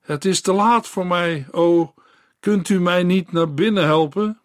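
A man's voice: on the high side, measured pace, no echo, studio quality, pitched above the performer's own voice, natural voice. A man voicing a frightened, remorseful dying woman who cries out in anguish, in a storybook reading. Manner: anguished, crying out.

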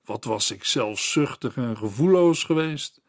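A man narrating a story in a radio Bible broadcast, reading in a measured, earnest way and turning to the listener. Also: medium pitch, expressive, no echo, studio quality.

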